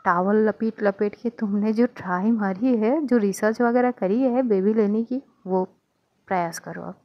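A calm young mother who speaks softly and a little low, gently teasing her partner, as a woman storyteller puts her on. Her voice is quiet and close to a murmur at times. The recording sounds muffled and lo-fi. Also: unhurried, close to an everyday voice. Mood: gentle.

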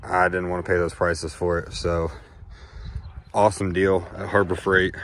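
Low voiced guy touring his farm truck on his phone, lots of uh's, noisy outside audio. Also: little pitch movement, normal speed, fairly bright tone. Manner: rambling, listing items with many "uh"s. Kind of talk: casual walkaround tour. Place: outdoors by a pickup truck, phone camera in hand. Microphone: handheld phone camera.

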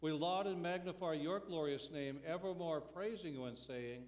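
A pastor leads worship in a church sanctuary during a service, praying in a solemn, measured liturgical style, phrase by phrase. His fairly high voice is heard over music and from a distance, ringing with a long, cathedral-like reverb.

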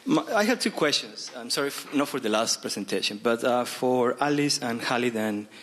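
A man's voice: mid-range voice, expressive, brisk, a bit bright, slight background noise. A man asking a panel two questions at a conference, checking in with tag questions. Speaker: audience member asking a question.

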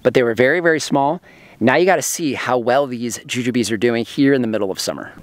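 A man's voice: mid-range voice, fairly quick. Chatty man touring his orchard. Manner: chatty, enthusiastic, talks while eating. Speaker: homesteading vlogger. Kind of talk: casual garden walkthrough to camera. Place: outdoors in an orchard.

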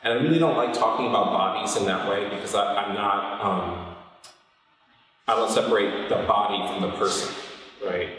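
A middle-aged male painter with a fairly low, fairly bright voice speaks at normal speed in an interview, reflecting thoughtfully on his work. He frequently wraps up points with "right?". The recording is roomy and echoey, captured from a distance.

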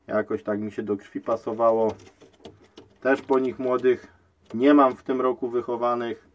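A man who breeds pigeons, casually vlogging from his loft and talking in a slow, rambling way with many hesitations. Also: mid-range voice, level tone, highs cut off. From Poland. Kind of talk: casual vlog walkthrough. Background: pigeons cooing, faint outdoor noise.

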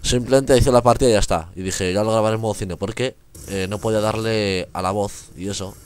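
A man's voice: fairly low pitch, fairly even intonation, a little fast, darkish tone, smooth. Chatty young man narrating gameplay. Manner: chatty, rambling, laughs often. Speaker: gaming youtuber. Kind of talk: casual gameplay commentary.

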